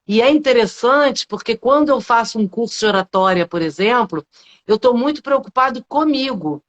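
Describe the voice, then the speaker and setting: A middle-aged Brazilian woman with a slightly high voice, speaking as a public speaking coach in an explanatory way. She keeps posing rhetorical questions and checking in with quick tag questions. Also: lively intonation, highs cut off. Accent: Brazilian Portuguese. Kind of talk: explanatory talk in a live interview.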